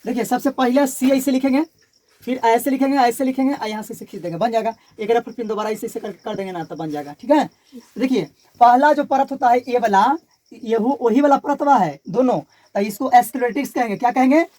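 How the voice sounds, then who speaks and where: In a brisk, mellow, very high-pitched voice, a male teacher with a Bihari Hindi accent runs a classroom physics lecture. He drills key terms by repeating them and getting the class to call them back.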